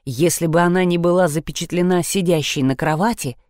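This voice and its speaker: A woman reading a first-person story aloud with an ironic, expressive delivery. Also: lowish voice, brisk, no echo, studio quality. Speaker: audiobook narrator.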